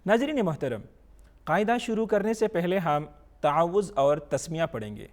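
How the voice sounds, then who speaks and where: High-voiced Pakistani man teaching Quran letters. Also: lively intonation, a little mellow. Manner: patient, drilling letters aloud with slow drawn-out recitation; mixes English words into explanations. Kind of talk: televised Quran reading lesson.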